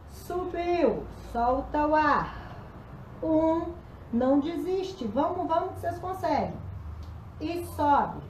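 A woman's voice: high voice, a little mellow, echoey room, a little hiss or hum, poor audio. A woman teaching a live pilates class at home, counting reps aloud while exercising and getting out of breath, her voice faltering. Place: room at home.

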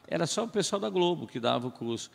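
A man telling a rambling, animated story as a podcast guest. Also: a little high, quick pace, creaky, big-room sound. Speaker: podcast guest, radio announcer. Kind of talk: casual storytelling.

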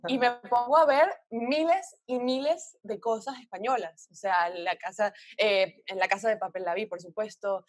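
A woman in her thirties from Venezuela with a Venezuelan accent, chatting as an actress guest in an interview and telling animated stories, quoting herself and others along the way. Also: mid-range voice, normal speed, hardly any pauses, no echo. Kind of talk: casual interview chat.

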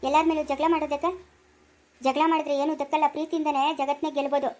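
A steady elder sister, played by a woman, coaxes and calms in a homemade family drama. She has a rural Karnataka Kannada accent and a firm, repetitive way of talking. Her voice is high and the words come quickly. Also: natural voice. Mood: soothing. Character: calm elder sister soothing her sibling. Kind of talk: amateur family drama skit.

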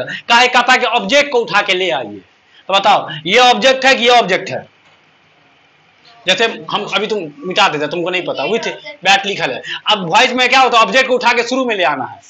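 A male English teacher runs a classroom lesson. His voice sits high and sounds bright. He keeps asking his students questions as he explains each point. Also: poor audio.

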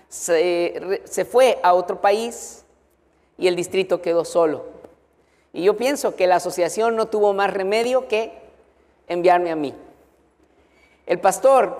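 A man's voice: high-pitched, a little mellow. A male pastor preaching to a university audience, mixing prayer with humorous storytelling. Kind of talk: sermon. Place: university auditorium. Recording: long hall reverb, auditorium.

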